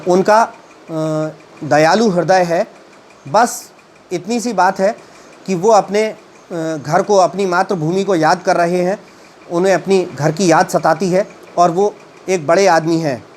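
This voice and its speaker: Slow, high-voiced man explaining a story. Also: darkish tone, a little hiss or hum. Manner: slow and halting, with many fillers; reads English lines slowly, then retells them. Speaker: teacher explaining an English story. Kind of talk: reading a story aloud in English and explaining it.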